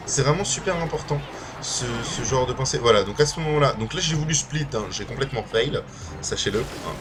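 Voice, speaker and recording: A man's voice: medium pitch, expressive, brisk, noisy background. A man with a slight slushy lisp on his s, giving casual, informal and somewhat hesitant gameplay commentary as a video creator. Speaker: gaming video creator and streamer. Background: music.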